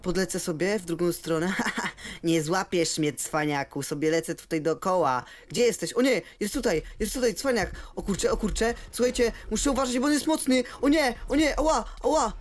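A man giving excited Minecraft role-play commentary, speaking in an exclamatory way and talking straight to the viewers. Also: sits high, moderate pace. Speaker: game role-play youtuber. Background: faint background music.

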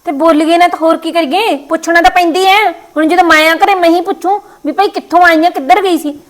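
A woman's voice: very high-pitched, steady tone. A Punjabi-accented woman in a scripted family quarrel sketch, scolding and nagging. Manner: scolding, nagging, rapid-fire.

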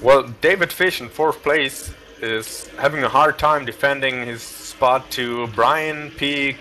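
Man, co-commentator, casual race play-by-play, rambling, jokey, bright voice. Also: mid-range voice, slow pace.

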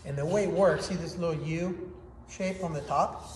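Speaking at a normal speed with fairly even intonation, this thirtysomething man has a fairly high-pitched voice. He's filming an enthusiastic, casual product review on his phone in a hard-walled workshop, gesturing with his hands as he shows things off. The recording picks up room echo and a little background noise.

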